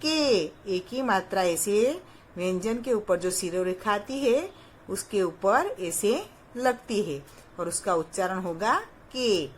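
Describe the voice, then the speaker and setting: A primary school teacher with a mid-range voice gives young children a patient phonics lesson, sounding out every syllable and asking them questions. She is animated but slow-paced, with slight background noise behind her.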